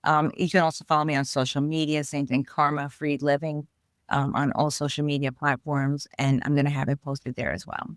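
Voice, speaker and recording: Speaking fairly quickly in a low voice with a level tone, a New York–accented author talks earnestly about spiritual growth as an interview guest. Her delivery flows and explains, and the studio-quality recording is dry.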